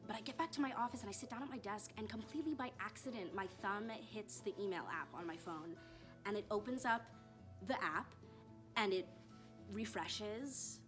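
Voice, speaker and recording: A young woman from California, a directing student, telling a story in a quick, animated way. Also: mid-range voice. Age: young adult. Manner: animated, quick, quotes herself. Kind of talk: casual storytelling interview. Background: background music.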